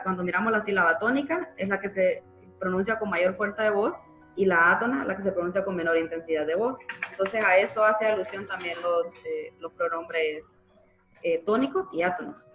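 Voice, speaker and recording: A woman's voice: medium pitch, a bit bright, reverberant, rough recording. A woman teacher giving a live online grammar class, explaining patiently and checking in with frequent tag questions. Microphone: computer mic in a live online class.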